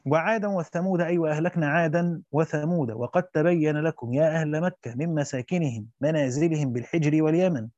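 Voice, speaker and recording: A man with a slightly high but dark, mellow voice reads classical text at a brisk clip, breaking off into loose colloquial explanations. The sound is dry and somewhat dull, with no room around it. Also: dry recording. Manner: reads quickly in classical Arabic, then breaks into colloquial asides with restarts. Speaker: teacher reading through a Quran commentary. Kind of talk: reading a classical text aloud with spoken asides.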